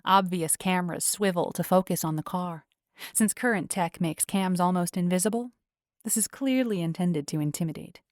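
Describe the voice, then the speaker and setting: Woman reading an audiobook, lowish voice, super dry close mic. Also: moderate pace, dry recording. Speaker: audiobook narrator. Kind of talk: first-person scripted narration.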